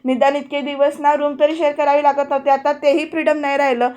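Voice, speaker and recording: A woman's voice: sits high, flat delivery, fast, a little mellow, close to an everyday voice. A woman narrator voicing an irritable young wife in a TV serial recap. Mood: complaining. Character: young married woman, irritable, wants her own home.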